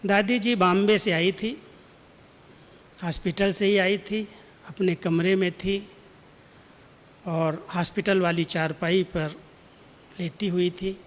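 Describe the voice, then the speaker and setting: A man giving a spiritual class, telling a story gently and acting out the quoted dialogue. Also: sits high, fairly even intonation, slow pace, pauses often. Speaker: spiritual teacher. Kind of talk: spiritual class talk with anecdote. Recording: long hall reverb.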